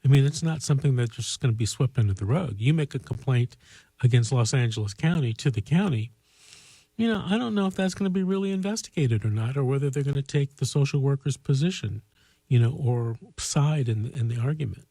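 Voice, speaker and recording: Husky, mellow man giving advice. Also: medium pitch, animated, a little fast, no room sound, poor audio. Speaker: call-in show host. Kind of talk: conversational legal advice.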